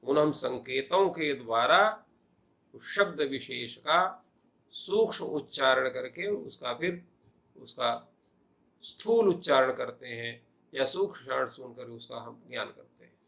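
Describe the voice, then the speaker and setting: A man's voice: mid-range voice, animated, measured pace, gravelly, fairly bright tone. Older man giving a Sanskrit grammar lecture. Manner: explanatory, asks and answers his own questions.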